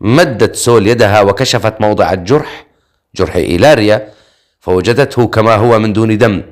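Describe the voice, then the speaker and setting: Low-voiced male storyteller. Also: a little fast. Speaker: audiobook narrator. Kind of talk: scripted narration.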